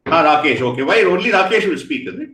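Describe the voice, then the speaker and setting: A man giving an energetic online lecture, firing questions at students and praising their answers. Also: sits high, quick pace. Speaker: guest speaker. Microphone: video call. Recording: echoey room, faint noise.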